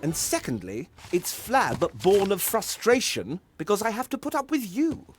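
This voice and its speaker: A sulky male troll from a game, always grumbling and whining. His pitch swoops all over the place. Faint music sits underneath. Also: wildly swooping pitch, moderate pace. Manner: whiny, huffy complaining. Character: grumpy, lazy male troll coworker.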